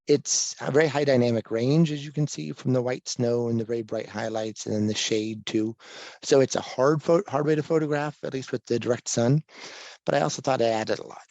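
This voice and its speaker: A man from Kansas giving a relaxed slide talk to a live audience on a microphone that pops, thinking aloud with small restarts. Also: mid-range voice, fairly quick, no echo, lo-fi sound. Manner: easygoing and self-deprecating, thinking aloud with restarts. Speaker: guest presenter at a photography talk. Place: library meeting room. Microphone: handheld or stand microphone with popping plosives.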